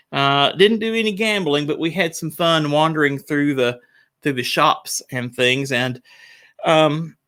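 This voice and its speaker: An American pastor speaks casually to his livestream Bible study from a small church room. His voice sits on the high side with a slightly bright tone, and he's chatty and a bit rambling, restarting sentences and laughing.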